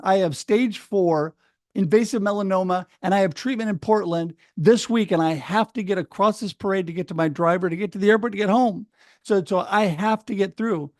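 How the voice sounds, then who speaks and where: A middle-aged man from Oregon talks casually on a video call, telling his story with animated energy and acting out other people's words. His voice sits fairly high. The sound is dry and close, with no room echo. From Oregon, United States. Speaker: speaker sharing his story.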